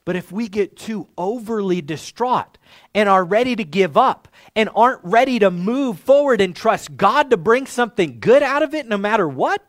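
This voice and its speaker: A man's voice: sits high, no room sound, studio quality. A man preaching a sermon in an earnest, conversational way, like a pastor explaining scripture to his congregation.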